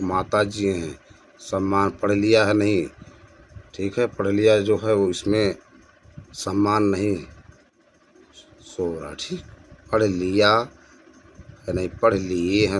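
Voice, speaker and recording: A man with a deep, low voice teaches an exam-prep lesson as the host of his own channel. He greets viewers as friends and works through each question, repeating the correct form to drive it home. Faint noise hums behind him.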